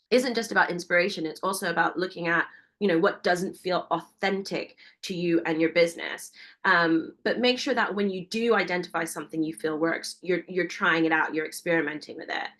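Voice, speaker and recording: A woman, a founder giving a fast, enthusiastic webinar presentation and asking her audience many questions. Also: mid-range voice, a bit bright. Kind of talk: energetic business presentation.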